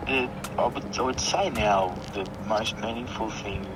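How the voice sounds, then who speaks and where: Reflective man, low voice. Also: over loud music, rough recording. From Sydney, Australia. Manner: reflective, measured, list-like. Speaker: interview guest. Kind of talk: casual interview answers.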